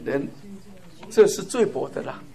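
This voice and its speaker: A man's voice: mid-range voice, animated, measured pace, gravelly, warm tone. A man giving a fervent sermon-style testimony, chuckling often and stressing points in lists. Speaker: church speaker.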